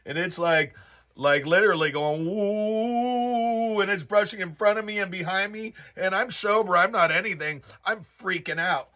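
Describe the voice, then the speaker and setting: A man telling a personal spiritual story in a halting, rambling way with many restarts. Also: high voice, sharp tone.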